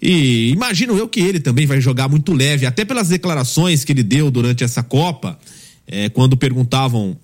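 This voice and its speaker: A man hosting a football panel, measured and pausing on fillers. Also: mid-range voice, lively intonation. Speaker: host. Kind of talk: sports panel commentary.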